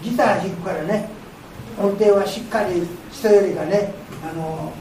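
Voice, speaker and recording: In a very echoey space, picked up by a far-off mic with faint noise, an older woman who is blind talks informally to a group as a guest speaker answering questions. She explains with patience in short phrases. Her voice is mid-range and dark, at a normal pace.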